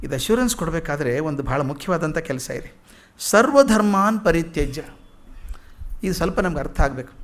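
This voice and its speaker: Older male lecturer, high-pitched voice, chants verses then explains them conversationally. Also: quick pace. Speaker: spiritual lecturer. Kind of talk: spiritual discourse.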